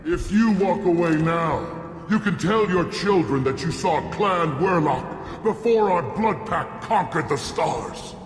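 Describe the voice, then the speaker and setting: An actor playing a boastful, vengeful alien clan warrior in a video game, with bombastic, hammy theatrical delivery. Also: male voice, a little high, expressive, slow pace. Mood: menacing, proud. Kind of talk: hammy villain speech in a sci-fi video game. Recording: echoey hall reverb, game music behind.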